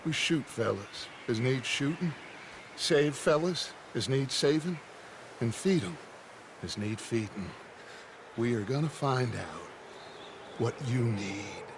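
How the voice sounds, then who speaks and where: Grandiose, swooping outlaw gang leader. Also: male voice, medium pitch, lively intonation, slow, long pauses, background noise. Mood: mocking, oratorical. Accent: American. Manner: pompous, oratorical, mocking.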